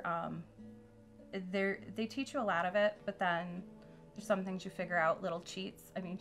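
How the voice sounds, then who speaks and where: A woman's voice: on the low side, fairly bright tone. A middle-aged woman, a mother in a personal interview, recollecting and explaining in plain, informal words.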